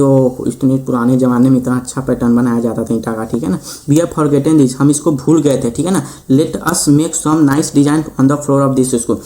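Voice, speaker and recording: A man teaching a school maths lesson, reading lines slowly and explaining each one. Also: medium pitch, warm tone. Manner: repeats "ठीक है" often, reads English lines slowly then explains. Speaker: tutor; host of the channel.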